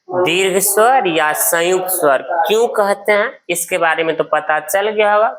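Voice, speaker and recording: A man's voice: high voice, a bit bright. A male teacher giving a grammar lesson, asking questions and answering them himself, and drawing out vowel sounds as examples.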